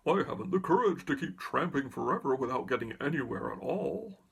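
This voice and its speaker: A cowardly lion played by a male narrator, timid and worn out. He whimpers in a husky, wavering storybook voice that rises and falls. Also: mid-range voice, very animated, brisk, a bit bright, heavily acted. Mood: whimpering.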